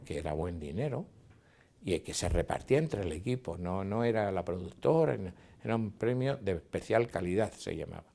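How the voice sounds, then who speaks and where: A man's voice: lowish voice, creaky, darkish tone. An older man, a cinematographer telling stories in an interview, acting out dialogue and sounds. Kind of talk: interview reminiscence.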